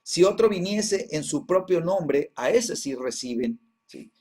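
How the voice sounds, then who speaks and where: A man teaching a Bible class, reading verses slowly and then explaining them with many hesitations and repeated tag questions. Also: high voice, animated, a little mellow.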